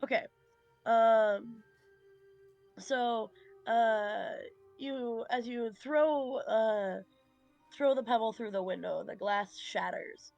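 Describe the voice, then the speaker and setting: A woman's voice: fairly high pitch, slow pace, vocal fry, pauses often, darkish tone, dull audio, soft background music. A woman narrating as game master of a tabletop game, hesitant with many fillers.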